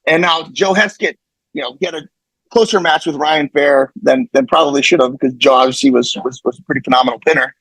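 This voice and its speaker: Middle-aged man, husky and gravelly, dry close sound, lively storyteller with stumbling repeats. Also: a little high, fast, no echo, low-quality recording. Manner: animated, repeats words, acts out quotes. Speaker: podcast guest, former wrestler. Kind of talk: casual storytelling.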